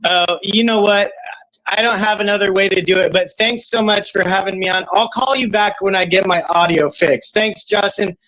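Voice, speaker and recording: A man's voice: high voice, moderate pace, pushed and bright, dry recording. A man calling in as a guest, explaining himself in a rambling, hesitant way with many fillers, his voice coming through crackling, distorted call audio. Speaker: guest caller. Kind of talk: casual debate chat. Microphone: browser call mic.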